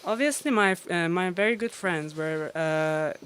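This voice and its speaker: A woman DJ chats through an interview. Her voice is smooth and resonant, and she laughs often as she tells her stories, with plenty of ums and uhs along the way. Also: fairly low pitch, normal speed, fairly bright tone. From Iran. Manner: laughs often, storytelling with many fillers. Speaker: DJ and guest. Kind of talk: casual interview.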